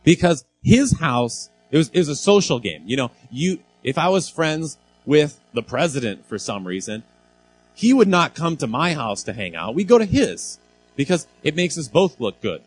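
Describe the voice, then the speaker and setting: Lively, animated male preacher. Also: fairly high pitch, moderate pace, soft background music, rough recording. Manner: animated and informal, with frequent restarts and asides to the congregation. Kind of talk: conversational sermon.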